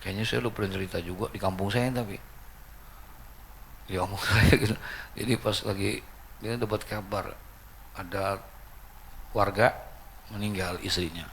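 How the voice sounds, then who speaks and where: An older man giving a humorous mosque sermon, storytelling and acting out characters in high excited voices. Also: moderate pace, creaky, pauses often, a little hiss or hum. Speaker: preacher.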